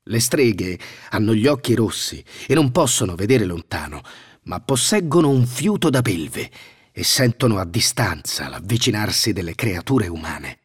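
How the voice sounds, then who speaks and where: A man narrating a fairy tale in a scripted, expressive storytelling manner. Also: fairly low pitch, normal speed, slightly rough.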